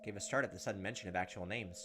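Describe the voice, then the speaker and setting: A man in his thirties with a low voice races through visual novel narration, reading it aloud and commenting as a let's-player. He's indoors at a computer on webcam, with game music and insect chirps in the background.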